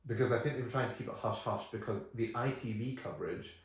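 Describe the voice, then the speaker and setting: A man co-hosting a podcast, telling stories in an animated, casual way with quick asides. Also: medium pitch. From United Kingdom. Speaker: podcast co-host. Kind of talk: casual film chat. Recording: echoey room.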